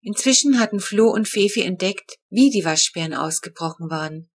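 A woman reads a children's storybook aloud in a steady, clear way. Her voice sits at an ordinary middle pitch. The reading is even and unhurried. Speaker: audiobook narrator. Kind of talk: storybook narration.

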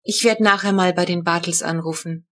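A woman's voice: fairly low pitch, steady tone, fairly quick, fairly bright tone, close to an everyday voice. A woman voicing a firm, sensible father in a storybook reading, matter-of-fact. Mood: calm.

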